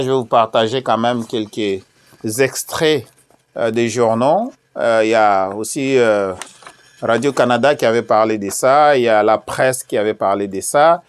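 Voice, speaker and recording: A man from Congo speaking in a casual promotional talk, hesitant, with many fillers, repeating his key questions. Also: mid-range voice. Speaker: event promoter.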